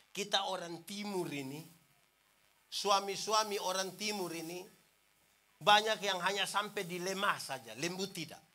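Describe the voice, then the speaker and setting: A male pastor with an Ambonese Malay accent, preaching a lively sermon, shouting questions to the congregation and joking. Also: high voice.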